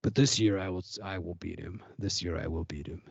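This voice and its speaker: Dude doing a deep gloomy arena brawler, slow and ominous, muffled sound. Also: male voice, creaky, slightly rough, no room sound, full character voice. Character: grim, proud male arena fighter. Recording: dull lo-fi audio.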